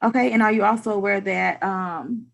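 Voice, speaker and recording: A woman with a mid-pitched voice speaks as an attorney for the state. Her delivery is formal and procedural, with halting phrasing. She is heard over a video call. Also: creaky. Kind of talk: formal courtroom questioning.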